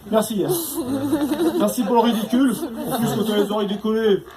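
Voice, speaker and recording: High-voiced man teasing a live crowd. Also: fairly even intonation, quick pace. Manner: chatty, teasing the audience, constant tag questions. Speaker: stand-up comedian. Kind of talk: live stand-up comedy with crowd work. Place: stage before a live audience. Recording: noisy live room.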